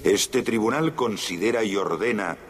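An actor playing a stern male judge who pronounces a sentence in a slow, grave, formal way. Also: on the low side, fairly bright tone, slightly rough, big-room sound.

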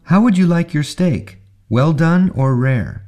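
Man, model reader, deliberate pronunciation, lively pitch, slow pace. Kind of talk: reading example sentences.

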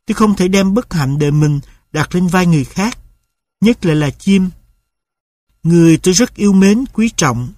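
A man's voice: high-pitched, lively intonation, normal speed, darkish tone, dry recording, studio quality. A man voicing a humble, heartfelt blind young man who speaks tenderly.

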